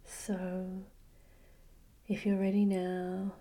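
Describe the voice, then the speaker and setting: A woman whispering a slow, soothing guided relaxation with gentle repetition. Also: mid-range voice, completely flat delivery. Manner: soft unvoiced whisper. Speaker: hypnosis guide.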